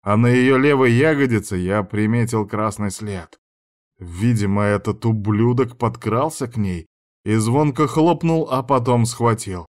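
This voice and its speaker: A man narrating a first-person audiobook with an even, dramatic storytelling delivery. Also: mid-range voice, a little slow.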